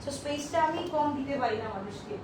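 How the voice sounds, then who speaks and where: A woman's voice: high voice, expressive, fast talker. A young woman selling clothes on a live stream, chatting to viewers, mixing in English and rattling off sizes in a sing-song list. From Bangladesh. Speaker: online clothing seller. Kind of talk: live-stream sales pitch. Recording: echoey room with faint noise.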